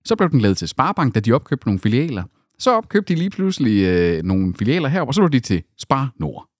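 A man's voice: mid-range voice, no room sound, clean studio sound. A young adult man from Denmark co-hosting a podcast, telling stories in a rambling way with many restarts. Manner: animated storytelling with rambling restarts. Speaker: podcast co-host. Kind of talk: casual chat.

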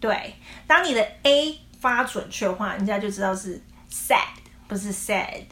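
A woman English teacher explaining pronunciation patiently, saying English phrases slowly as examples. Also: mid-range voice, lively intonation, fairly bright tone.

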